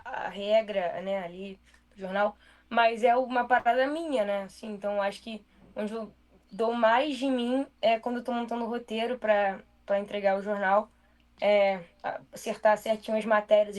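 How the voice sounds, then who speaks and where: Here a young journalist with a Brazilian Portuguese accent chats as a guest in an informal interview, speaking rapidly and casually with plenty of fillers. Her voice is fairly high and a little mellow.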